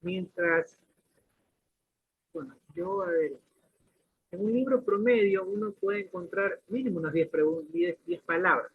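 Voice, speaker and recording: A man with a high, slightly rough voice talks a little slowly, leaving long pauses. In this classroom lecture he explains ideas with questions and everyday examples, often beginning sentences again. The recording is lo-fi and phone-like.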